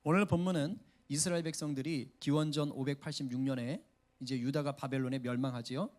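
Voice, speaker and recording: A middle-aged male pastor delivering a sermon in a conversational style that swings from hushed asides to raised, emphatic exhortation. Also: mid-range voice, fairly even intonation, brisk. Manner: acts out quoted voices in a conversational preaching tone.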